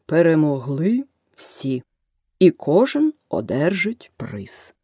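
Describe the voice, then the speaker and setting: Woman putting on a stuffy storybook dodo, grave and slow, low husky voice, dry sound. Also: big pitch swings, dark tone, dry recording, full character voice. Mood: solemn. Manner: grave, slow, self-important. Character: pompous solemn male dodo bird.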